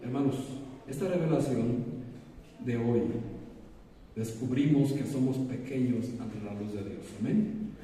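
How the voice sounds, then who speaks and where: A man's voice: medium pitch, a little slow, dark tone, slight background noise. A man, preaching a sermon as pastor, asking his congregation rhetorical questions. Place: church sanctuary. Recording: echoey church hall, preacher far from mic.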